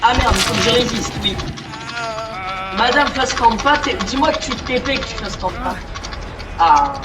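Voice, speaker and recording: A man's voice: very high voice, moderate pace, heavy background noise. A man giving casual, joking commentary while he plays a game, chatting to the characters on screen. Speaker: gamer. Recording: echoey, distant mic, game music. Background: game music.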